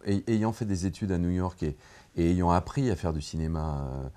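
Low, mellow-voiced man in a studio interview. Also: normal speed. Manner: reflective, many hesitations and restarts. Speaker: film director guest. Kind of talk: relaxed interview conversation. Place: TV studio set with armchairs. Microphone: lapel mic.

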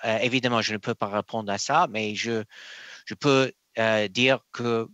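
A man from England, a court nominee, answering questions at a formal hearing over a video call, halting and searching for words with many restarts. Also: on the low side, steady tone, bright, forceful tone, dry recording.

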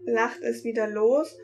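A woman narrating a bedtime story in the first person, calm and unhurried. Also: a little high.

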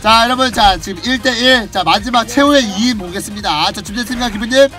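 Very high-pitched, bright male game show host. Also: quick pace. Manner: game show host patter with countdowns and prompts. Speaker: game show host of an online gaming quiz. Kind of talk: game show hosting, commentary over gameplay. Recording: music behind the voice. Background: music.

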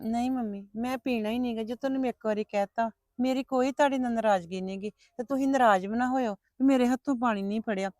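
A woman's voice: on the high side, quick pace, hardly any pauses, darkish tone, dry recording, clean studio sound, lightly acted. A woman playing a hurt stubborn young wife. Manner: sulky, refusing. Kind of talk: family drama acting.

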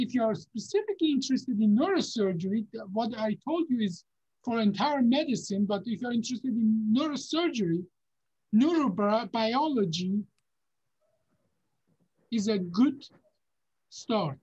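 A man, a neurosurgeon giving unhurried, halting career advice over a video call from a home office. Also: very high-pitched, expressive, darkish tone, breathy edge. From Iran. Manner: unhurried, halting, with many fillers and restarts. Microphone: video call webcam. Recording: dull, lo-fi video call audio.

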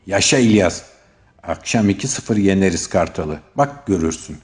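A man voicing an excited old football fan who barks chants and orders at a young man, in a storybook reading. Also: low-pitched, unhurried, soft background music. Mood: excited shouting. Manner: shouting loud chants.

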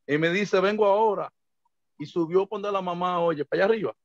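A middle-aged man with a Dominican Spanish accent, an interview guest telling lively anecdotes and acting out the voices of people he quotes. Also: high-pitched, a little fast, dry recording. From Dominican Republic. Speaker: interview guest, merengue and bachata singer. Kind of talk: casual storytelling interview. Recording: dull lo-fi dry sound.

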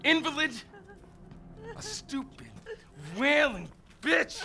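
A man's voice: very high-pitched, animated, slow, pushed and bright, exaggerated voice. An actor playing a bitter, hostile village man who speaks with contempt for outsiders. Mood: scornful. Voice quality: gravelly, harsh. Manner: contemptuous, snarling.

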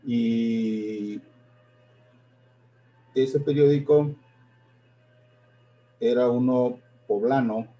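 A man giving a live-streamed history lecture, pausing often, repeating words and correcting himself as he goes. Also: mid-range voice, fairly even intonation, mellow. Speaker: history presenter.

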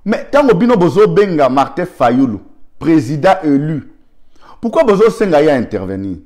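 A man's voice: on the high side, very animated, normal speed, darkish tone. A man with a Congolese accent gives an argumentative political commentary, firing rhetorical questions and thanking viewers by name.

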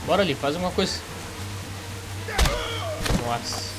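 A man's voice: a little high, expressive, normal speed, loud music behind the voice, poor audio. A man with a Brazilian Portuguese accent giving casual, slangy commentary while playing a video game. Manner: informal, slangy. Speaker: gamer commenting on a playthrough. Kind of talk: casual let's play commentary.

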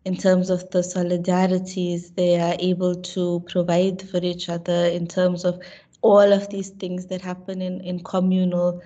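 A lecturer in her thirties with a South African English accent answers thoughtfully as a webinar panelist over a laptop webcam video call, using many fillers and restarts and sounding slightly nasal from a cold. Her lowish, warm voice is completely flat and delivered at normal speed. She sits in a room at home with bookshelves, and the lo-fi call audio sounds dull.

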